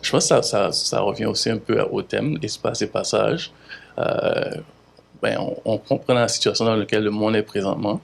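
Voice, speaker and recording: A man in his thirties from Haiti with a Haitian French accent, an artist giving halting interview answers full of fillers and restarts. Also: on the low side. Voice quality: gravelly, husky. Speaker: visual artist.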